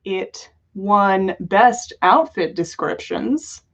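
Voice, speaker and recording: Speaking very slowly, a woman with a mid-range, slightly bright voice and lively intonation chats with viewers and jokes playfully during a casual livestream. She's a podcast host, and the recording is dull and lo-fi.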